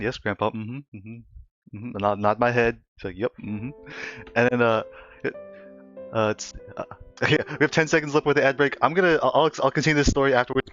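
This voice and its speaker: A man's voice: mid-range voice, fairly bright tone. A young man hosting a livestream, chatting casually and telling a story, rambling and laughing often between phrases. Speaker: livestream host. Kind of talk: casual stream chat and storytelling. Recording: slightly muffled lo-fi audio, faint music.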